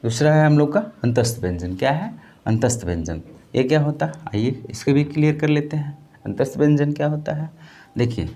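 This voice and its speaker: Mellow-voiced male teacher drilling terms. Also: fairly high pitch, animated, moderate pace. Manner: repeats key terms back as questions to students; drills by call and answer, addressing viewers as friends. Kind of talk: exam-prep lecture.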